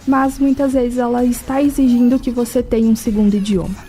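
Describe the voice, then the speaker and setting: A woman with a southern Brazilian accent appears as a guest from a language school in a radio interview, with soft music in the background. Her voice is a little high and dark, with little pitch movement, and she speaks fairly quickly. She explains things didactically, often asking rhetorical questions and adding check tags.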